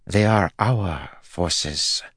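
A man voicing a proud, guarded young empress in an audiobook, soft-spoken and measured. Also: low voice, slightly rough, dry recording, clean studio sound, voice pushed up, exaggerated voice.

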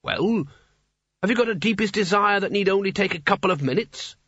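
A man's voice: high voice, fairly quick, a bit bright, no echo, lo-fi sound, voice pushed up. A man voicing a grandiose, imperious ancient wizard's hat. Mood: lofty. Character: pompous ancient talking wizard's hat, male.

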